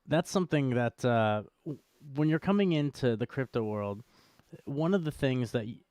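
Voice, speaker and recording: Co-hosting a crypto show, this man joins a casual, unscripted chat about cryptocurrency, rambling, repeating phrases for emphasis and dropping dry jokes. His voice is medium-pitched and a little mellow with lively intonation and a moderate pace, recorded with no room sound.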